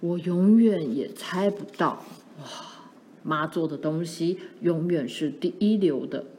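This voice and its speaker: A woman voicing a pioneer father who speaks in a slower, lowered, measured way. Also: warm tone, slight background noise. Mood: admiring. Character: pioneer father, grown man, puzzled and steady.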